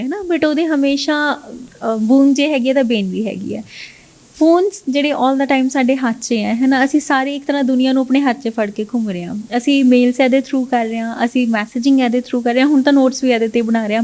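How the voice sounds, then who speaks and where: A woman's voice: sits high, darkish tone. A woman English teacher, explaining her methods in an interview and often checking "right?" with the listener. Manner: mixes English phrases into Punjabi, keeps asking "right?".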